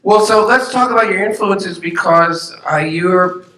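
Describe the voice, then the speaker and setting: A man's voice: high-pitched, unhurried, pushed and bright. A man moderating a festival Q&A, asking questions in a chatty, inquisitive way. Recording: echoey room, heard from a distance.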